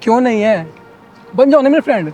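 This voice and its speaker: A brash young man in his twenties pesters a girl in a pushy, wheedling way, as an actor plays him. His voice is high and lively, rising and falling a lot. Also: a little fast, muffled recording, soft background music. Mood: pleading. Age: 20s. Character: brash young male stalker.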